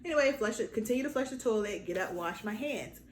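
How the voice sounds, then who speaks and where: A young adult woman tells a personal story in a relaxed vlog, switching into lively quoted voices. Her voice has a mid pitch. The room adds a noticeable echo, with a faint hiss behind it. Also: fast talker. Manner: animated, acts out quotes with big pitch jumps. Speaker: vlogger. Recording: echoey room with faint noise.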